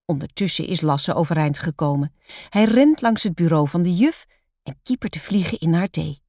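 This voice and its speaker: Lady reading a kids' story, slow and calm, lowish voice, dry close sound. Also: no room sound.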